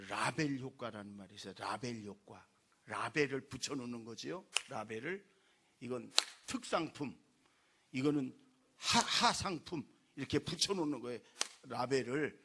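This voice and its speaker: A man's voice: medium pitch, noisy background. A man preaching a Sunday sermon as pastor, emphatic and exhorting his congregation, often calling for an amen. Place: church sanctuary.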